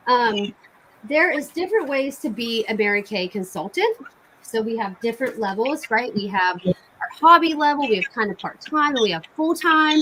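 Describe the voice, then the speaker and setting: Chatty woman on a noisy live stream. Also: fairly high pitch. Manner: chatty, enthusiastic, informal. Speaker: cosmetics sales consultant hosting online bingo night. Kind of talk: casual live-stream sales pitch.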